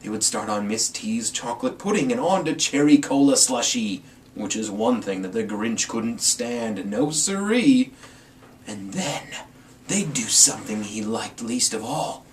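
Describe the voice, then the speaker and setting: Taking the storyteller's role, a man performs a rhyming Christmas tale with theatrical playfulness, his medium-pitched voice animated but measured in pace. The distant mic in this green-screen room picks up some background noise.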